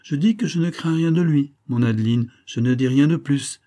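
A man reading the part of a scheming, smooth-talking middle-aged army major, pompous and theatrical, mock-affectionate toward his wife. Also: a little high, moderate pace, dark tone, voice pushed up, close to an everyday voice.

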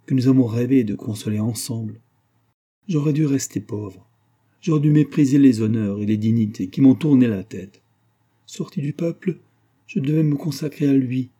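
A man's voice: medium pitch, warm tone, breathy edge, natural voice. A man playing a grieving middle-aged father, bitter and despairing, speaking in an impassioned, anguished way.

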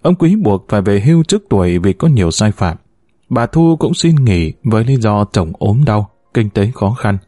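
A man narrating a story in a steady, even reading voice. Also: lowish voice, moderate pace, dry recording, clean studio sound. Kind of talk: scripted narration.

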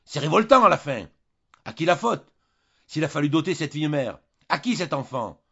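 A man voicing an older nobleman who shouts at his son-in-law in anger, in a slightly dull recording. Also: on the high side, very animated, normal speed, creaky, slightly rough, voice pushed up, full character voice. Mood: outraged.

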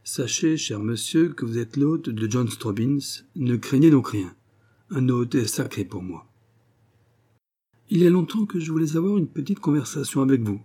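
A man voicing a suave, cocky gentleman burglar in an audiobook, brisk and commanding, with a mocking edge. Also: mid-range voice, lively intonation, breathy edge. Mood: smug genial. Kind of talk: audiobook character voice.

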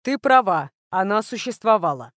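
A woman voicing a calm young male heir who speaks in an even, emotionless tone, read as part of a storybook narration. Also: mid-range voice, moderate pace, dry recording, clean studio sound, close to an everyday voice. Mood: cool, level.

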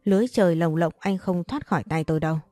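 A woman's voice: on the low side, quick pace, mellow, dry recording, faint music behind, natural voice. Woman voicing cold bossy lady of the house plotting revenge, dry close sound. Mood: commanding. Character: vengeful young mistress, commanding and cold.

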